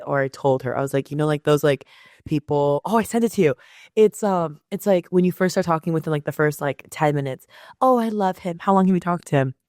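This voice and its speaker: A young woman co-hosting a casual chat podcast, playful and teasing, jumping in with quick reactions. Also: deep voice, darkish tone, no echo, clean studio sound. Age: young adult. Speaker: podcast co-host.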